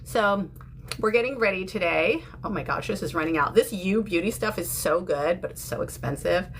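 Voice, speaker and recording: A woman's voice: lowish voice, moderate pace. A woman in her fifties with an American accent, chatting casually and informally to livestream viewers as she hosts. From from the UK, lives in San Francisco. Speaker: livestream host. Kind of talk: casual beauty livestream chit-chat. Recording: clear background noise, room ambience.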